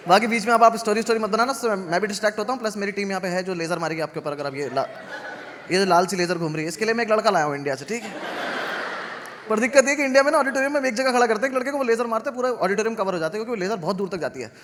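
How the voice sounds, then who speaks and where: High-pitched fast-talking man doing stand-up. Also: expressive. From India. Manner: conversational, sardonic storytelling with sudden loud outbursts. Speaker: stand-up comedian. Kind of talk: stand-up comedy with crowd work. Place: live comedy venue with audience laughter. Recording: noisy live show recording.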